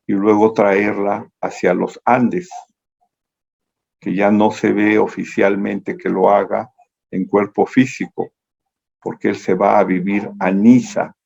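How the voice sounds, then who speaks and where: Slow, gravelly man lecturing. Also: fairly low pitch, a little mellow. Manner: meandering, self-correcting storytelling. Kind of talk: esoteric lecture over a video call. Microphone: video call. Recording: dull lo-fi video-call audio.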